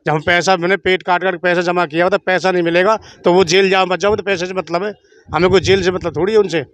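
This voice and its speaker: Earnest high-voiced UP villager. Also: male voice, fairly even intonation, quick pace, fairly bright tone, no room sound. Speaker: fraud victim interviewed.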